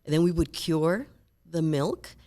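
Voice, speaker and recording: A woman from Rico, a guest telling lively stories in an interview and acting out other people's voices. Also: low voice, a little slow. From Puerto Rico. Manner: animated, acts out voices and accents in stories. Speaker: guest speaker. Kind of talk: conversational interview storytelling.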